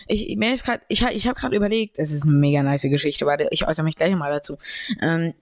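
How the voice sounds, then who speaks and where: A man's voice: a little high, fast talker, no room sound, clean studio sound. A man interrupting to ask something, hesitant and full of fillers.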